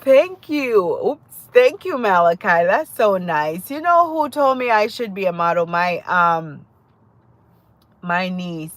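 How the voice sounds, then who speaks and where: This livestream host is an adult woman from Jamaica whose mid-range voice has a fairly bright tone and no echo. In her Jamaican accent she chats casually with viewers, greeting them by name and laughing frequently.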